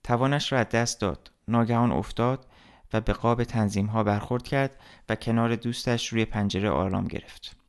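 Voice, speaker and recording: A man narrating a literary story as an audiobook, reading in a steady, measured way. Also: medium pitch, clean tone.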